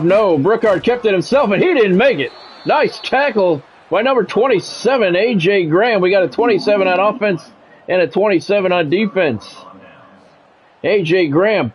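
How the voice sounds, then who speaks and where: Calling a football video game on stream, this man mixes play-by-play with casual reactions in a blunt, conversational style. He has a high-pitched, expressive voice at a moderate pace. The audio is dull, with slight background noise.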